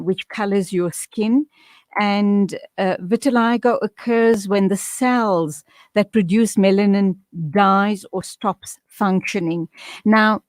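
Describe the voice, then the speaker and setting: A woman hosting a radio interview, asking questions in a calm, measured way. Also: mid-range voice, no room sound, studio quality. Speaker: radio host.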